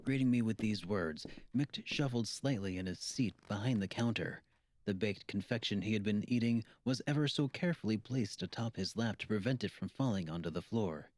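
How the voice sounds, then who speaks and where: A man narrating an audiobook with a steady, measured reading. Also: fairly low pitch, dry recording. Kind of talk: scripted narration.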